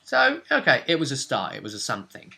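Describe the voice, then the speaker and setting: A fast-talking game master with a mid-range voice and vocal fry casually recaps a tabletop role-playing session, animated and explanatory as he goes.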